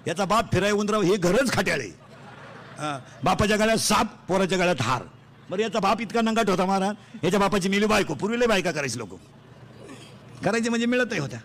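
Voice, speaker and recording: A man preaching a comic devotional sermon on a pandal stage into a microphone. He declaims loudly and quizzes the crowd for quick answers. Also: high voice. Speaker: kirtan preacher.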